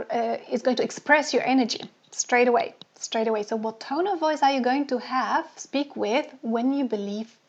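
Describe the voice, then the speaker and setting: A woman's voice: fairly high pitch, darkish tone, highs cut off. A woman dating coach leading a live online session, asking the audience many questions and repeating her phrases for emphasis.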